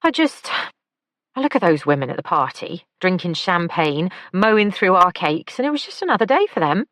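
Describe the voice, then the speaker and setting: A woman's voice: lowish voice, very animated, normal speed, a bit bright, dry recording, pitched above the performer's own voice. A woman voicing a flamboyant, playful young male pastry chef in an audiobook. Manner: playful, camp, teasing.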